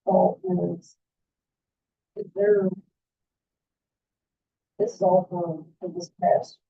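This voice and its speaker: Halting, slow speaker in a meeting. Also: mid-range voice, fairly even intonation. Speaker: board meeting participant. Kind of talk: hesitant questioning in a meeting. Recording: tinny narrowband video call audio.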